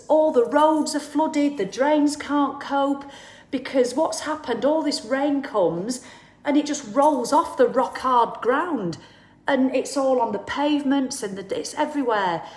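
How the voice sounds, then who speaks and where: A woman's voice: fairly high pitch, reverberant. A woman, talking casually and bluntly to viewers as the host, acting out the people she quotes. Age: 50s. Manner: chatty, blunt, swears, acts out quoted people. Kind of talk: casual live talk to viewers.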